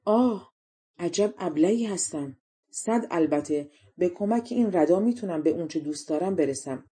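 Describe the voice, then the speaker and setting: A woman's voice: lowish voice, animated, warm tone, lightly acted. A woman voicing a young male soldier who speaks bluntly and mocks himself, in a storybook reading. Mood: scornful. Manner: blunt, self-mocking. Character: young soldier-king, bold and plain-spoken.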